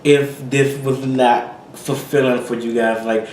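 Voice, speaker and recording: A man's voice: mid-range voice, flat delivery, slow pace, a little mellow, echoey room, far from the mic, slight background noise, low-quality recording. A tired young man vlogging casually, rambling and apologetic with many fillers after a big meal. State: tired, full from eating. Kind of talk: casual chat to camera.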